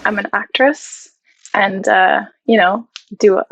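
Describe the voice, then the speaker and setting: A woman's voice: mid-range voice, a little slow, a bit bright, rough recording. A woman, a guest actress who chats in a friendly, slightly self-conscious way and sometimes searches for English words. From Iceland. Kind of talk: casual interview chat.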